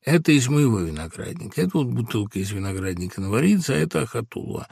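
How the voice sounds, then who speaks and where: A big, drowsy, good-natured man, grumbling and sighing, as a man voices him in an audiobook. The voice has a gravelly rasp, and the recording is dry and close. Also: mid-range voice, sing-song, fast, darkish tone, dry recording, full character voice. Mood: fussy. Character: huge, sleepy, good-natured older man. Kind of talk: audiobook reading.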